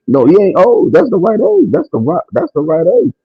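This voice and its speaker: A man's voice: high-pitched, wildly swooping pitch, moderate pace, vocal fry, breathy edge, no room sound. A man chiming in on a casual talk show, his voice muffled and distant as if heard through a wall. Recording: muffled lo-fi remote audio.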